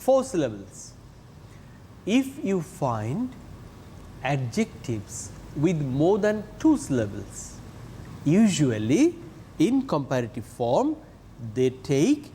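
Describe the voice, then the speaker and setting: A man's voice: mid-range voice, warm tone, slight background noise. A male teacher, giving a TV lesson on English grammar and stressing his words and syllables. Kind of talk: TV classroom lesson.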